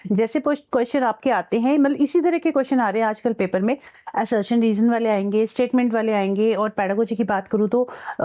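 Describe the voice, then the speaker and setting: A woman's voice: on the high side, warm tone. A woman teacher explaining science exam questions step by step, mixing English terms into her speech and checking in with her students. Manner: reads English question text slowly and deliberately. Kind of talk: exam-prep science lesson.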